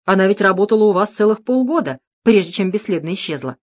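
A woman's voice: medium pitch, animated, quick pace, lightly acted. A woman reading a cool, mocking male detective. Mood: sarcastic. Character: calm, sarcastic middle-aged male detective. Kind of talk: audiobook character reading.

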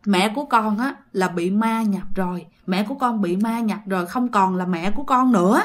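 A woman voicing an elderly grandmother who speaks quietly and gravely. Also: medium pitch, moderate pace, natural voice. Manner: quiet, hushed. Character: frightened old grandmother, hushed and grave.

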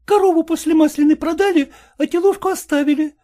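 A man's voice: very high-pitched, steady tone, fast, warm tone, voice pushed up. A male reader voicing an impatient young peasant woman who keeps pressing and pleading. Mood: chatty. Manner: pleading, insistent.

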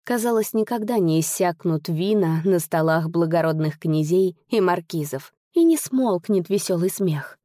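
A woman narrates a fairy tale with measured, expressive delivery. Her voice is dark and mellow. The recording is dry and close, with no room sound. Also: fairly low pitch, no echo. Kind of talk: storybook narration.

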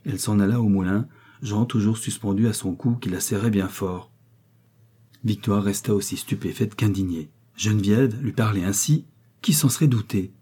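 A man reading a classic novel aloud in a measured narrating voice. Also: on the low side, steady tone, warm tone, husky. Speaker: audiobook reader. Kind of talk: literary audiobook narration.

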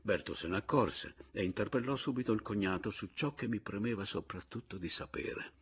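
A man reading a novel aloud in an expressive, dramatic first-person narration. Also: on the low side, brisk, breathy edge. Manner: dramatic, wide-ranging delivery. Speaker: audiobook reader.

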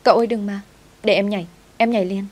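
A woman's voice: lowish voice, fairly even intonation, a little fast, a little mellow, close to an everyday voice. A woman voicing a timid, devoted young servant girl who speaks politely and pleads with her master. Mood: pleading.

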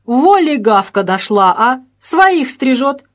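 A woman voicing a brash, contemptuous male petty criminal in an audiobook, loud and drawn-out. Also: a little high, animated, voice pushed up. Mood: jeering.

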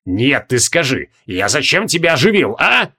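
A man's voice: medium pitch, very animated, moderate pace, pushed and bright, slightly rough, heavily acted. A man reading an audiobook voices a proud, touchy archmage who roars and whines when offended. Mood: indignant. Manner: roaring, then whining. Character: proud touchy old archmage, easily enraged.

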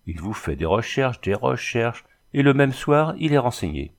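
A man reading an adventure novel aloud with a lively, dramatic delivery. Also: medium pitch, moderate pace. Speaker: audiobook reader. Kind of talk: storybook narration.

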